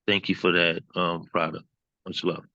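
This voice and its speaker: Very deep, flat-voiced male host. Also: moderate pace, dry recording. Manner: relaxed, hesitant with frequent ums. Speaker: open mic host. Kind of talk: casual hosting. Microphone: video call. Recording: dull dry video call audio.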